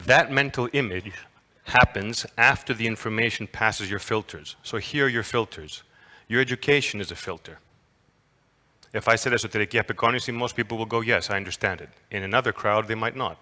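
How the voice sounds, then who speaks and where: On a stage, a conference lecturer delivers a brisk, lively talk, engaging the crowd playfully by quizzing them. His fairly low voice is bright and forceful, and the long reverb of a large hall surrounds it.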